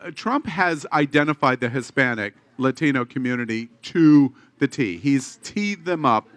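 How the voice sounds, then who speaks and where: A man's voice: medium pitch, lively intonation, moderate pace, fairly bright tone, dry recording. A man hosting a podcast panel, talking casually with frequent restarts and a playful, hesitant manner. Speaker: podcast host. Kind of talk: casual group chat.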